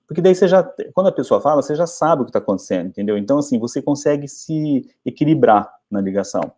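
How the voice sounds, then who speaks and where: A middle-aged Brazilian man teaching English by telling stories about his own early struggles, in a chatty, animated way. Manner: chatty, animated storytelling with lively pitch jumps. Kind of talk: storytelling English lesson.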